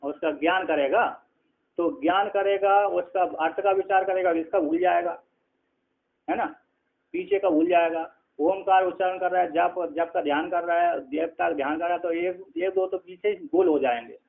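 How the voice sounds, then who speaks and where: Gravelly man teaching scripture over lo-fi audio. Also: sits high, normal speed. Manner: repetitive, explanatory, frequent "है ना" checks. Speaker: spiritual teacher. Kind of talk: scripture lecture. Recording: tinny phone-like lo-fi sound.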